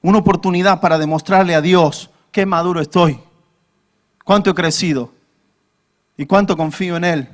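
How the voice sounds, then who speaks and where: A man's voice: high voice, steady tone, normal speed, long pauses. A male pastor preaching a sermon to his congregation, emphatic and full of rhetorical questions. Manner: acts out quoted pleas in a raised voice.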